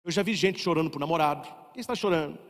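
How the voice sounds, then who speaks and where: A Brazilian priest preaching a sermon, emphatic, with many repeated rhetorical questions. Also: male voice, a little high, fast talker. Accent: Brazilian Portuguese. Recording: long reverb.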